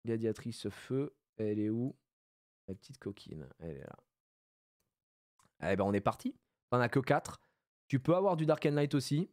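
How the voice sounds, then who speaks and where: A French man streaming and commentating a game, chatting loosely and bursting into shouts of joy. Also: mid-range voice, normal speed, pauses often, dry recording, clean studio sound. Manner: excitable, shouts with joy at big pulls; loose casual chat with fillers.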